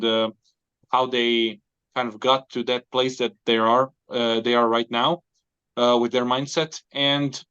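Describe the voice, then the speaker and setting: A man from Croatia, a guest giving measured, thoughtful answers in a casual interview. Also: mid-range voice, a bit bright, clean tone. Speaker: podcast guest, arm wrestler. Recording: dull, dry, lo-fi sound.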